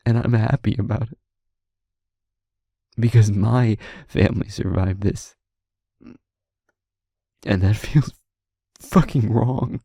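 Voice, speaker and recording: A man voices a guilt-ridden werewolf pack leader opening up to a partner in an intimate audio drama, speaking haltingly and heavily with raw emotion. His medium-pitched voice is husky and dark-toned, exaggerated in style, with no echo, and the mood is bitter and self-reproachful.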